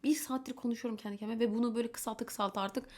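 A young woman telling stories in a casual vlog, candid and chatty, with exasperated asides and quick mimicry of the people she quotes. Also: fairly high pitch, steady tone, darkish tone. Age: young adult. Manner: quotes others in mimicking voices. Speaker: vlogger.

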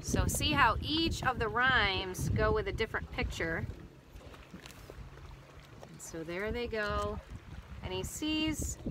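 A woman teacher reading a picture book aloud to children and explaining it slowly, recorded outdoors on a boat. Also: mid-range voice, animated, background noise.

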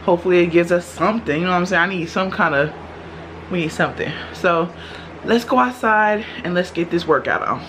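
A chatty Texan mom vlogs from her home kitchen, talking directly to viewers and calling them "y'all." Her voice is on the low side and brisk. She's filmed on a handheld camera at arm's length, with background noise audible.

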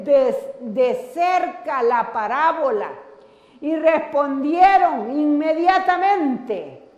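A woman giving an evening devotional, calling the listener friend and pleading with them gently, often trailing off softly at the end of a phrase. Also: sits high. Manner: intimate, addresses listener as friend; slow, pleading, drops to soft trailing tags. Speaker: devotional speaker. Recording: echoey hall, roomy reverb.

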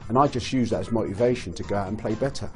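A man's voice: lowish voice, rapid-fire, soft background music. A man, a former footballer, speaking frankly with frequent hesitations in a documentary interview.

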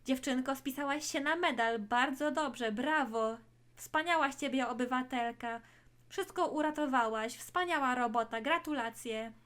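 A stern police officer with a loud, commanding delivery, voiced high, as a woman puts on the part for a toy play story. Firm and official in every line. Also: a little slow. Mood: praising.

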